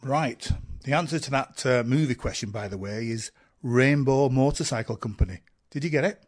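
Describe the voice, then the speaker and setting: Middle-aged northern English male radio host, slightly husky, relaxed and chatty, fills pauses with ums. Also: medium pitch. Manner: chatty, self-mocking, frequent ums and uhs. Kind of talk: casual radio chat answering listener questions.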